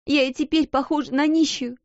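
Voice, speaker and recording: A proud young schoolgirl speaking with earnest intensity, high and bright, as a woman narrator puts her on. The voice is close and dry, and the storybook recording sounds dull. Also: fairly even intonation, a little fast, no room sound.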